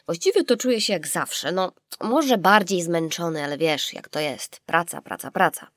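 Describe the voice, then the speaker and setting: A woman's voice: fairly low pitch, expressive, moderate pace, no room sound, clean studio sound, close to an everyday voice. A woman reading an audiobook voices a tired, absent-minded father who mumbles his replies. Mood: weary. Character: tired, distracted working father.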